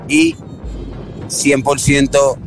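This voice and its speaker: A man from Venezuela with a Venezuelan accent, a beach corn vendor answering calmly and politely. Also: medium pitch, drawn-out words, music in the background. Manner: calm, polite, says "that is correct". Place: outdoors on a beach.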